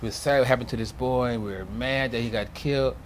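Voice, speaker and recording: A middle-aged man in an interview, emphatic and animated, his voice jumps high as he relives things and drops to a low mutter. faint background hiss. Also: fast. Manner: animated, emphatic, acts out past moments. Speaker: victim's father interviewed. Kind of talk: emotional interview recollection.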